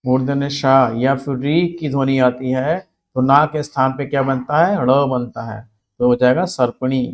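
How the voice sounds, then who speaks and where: A man teaching a spelling lesson, asking questions and answering them himself, repeating key words slowly. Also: mid-range voice, fairly even intonation. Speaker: Hindi grammar teacher.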